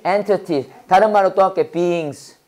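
Brief: Korean-accented woman, lower voice, church English teacher, call-and-response drills, slow English then rapid explanation. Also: mellow. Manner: drills words by repetition, prompting the class to repeat.

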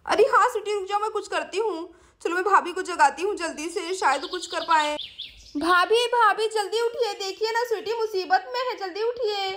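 A woman voicing a lively young woman who chatters and scolds. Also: very high-pitched, moderate pace, slight background noise, pitched above the performer's own voice. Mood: worried.

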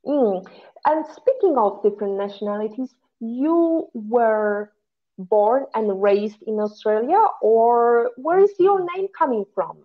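A woman hosts a podcast with an earnest, emphatic delivery, moving from a scripted introduction into questions for her guest. Her fairly high voice comes through a thin, phone-like line. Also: lively intonation, slow. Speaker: podcast host. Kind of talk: scripted intro then interview. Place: home office in Malta.

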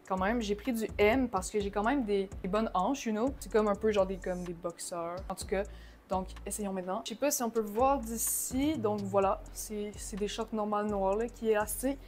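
A young woman with a Québécois French accent chatting casually through a shopping haul vlog, slipping in English slang and swears. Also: medium pitch. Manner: bursts of excitement. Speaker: vlogger.

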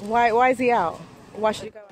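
A woman's voice: a little high, steady tone, quick pace, music in the background. A woman vlogging on her phone outdoors, teasing and questioning her son in casual chat. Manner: teasing, playful interviewer. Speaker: vlogger and mother. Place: outdoors on city streets and in a park. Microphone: phone camera held at arm's length.

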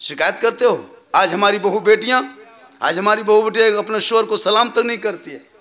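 A high-voiced man from Jharkhand, India, preaches at a religious gathering. He drops into low, mocking asides in local dialect, then rises into loud, drawn-out chanting. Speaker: Islamic preacher.

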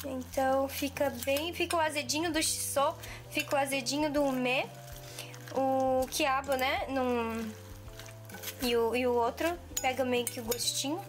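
A woman in her twenties talks a little slowly in a high voice with fairly even intonation. She's chatting through a home cooking vlog, hesitant and prone to restarts and fillers, recorded in her kitchen on a camera mic at arm's length. Music plays under her voice while dishes clink.

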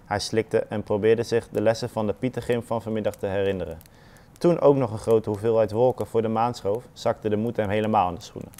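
Low, mellow man reading a children's story. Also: fairly even intonation, fairly quick.

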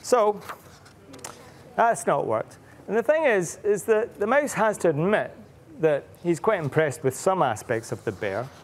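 Middle-aged author reading to kids; playful, animated, quizzes the audience. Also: male voice, high voice, a little slow. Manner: playful, asks children many questions. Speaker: author and illustrator reading to children. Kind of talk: reading aloud to children.

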